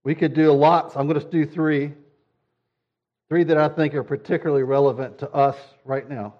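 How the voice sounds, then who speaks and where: A man's voice: fairly high pitch, fairly even intonation, fairly quick, muffled recording. A man preaching a sermon in a conversational way, sometimes acting out whiny quoted voices. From United States. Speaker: pastor.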